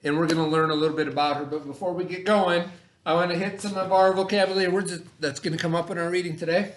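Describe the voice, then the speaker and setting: This middle-aged man, an elementary school teacher, speaks fast in a high, steady voice. He conducts a read-aloud lesson for kids by remote video, explaining conversationally, asking questions to check comprehension and repeating things. The room echoes.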